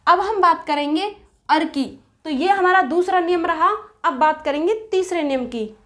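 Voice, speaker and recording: Woman teacher with a high voice, explaining grammar step by step and answering her own questions. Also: a bit bright. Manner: asks questions then answers them herself; slows down to spell out sounds and examples. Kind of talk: Hindi grammar lesson at a board.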